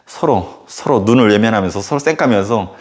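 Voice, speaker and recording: A male history teacher tells a story casually during a lecture, animated and full of fillers. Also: fairly low pitch, a little fast.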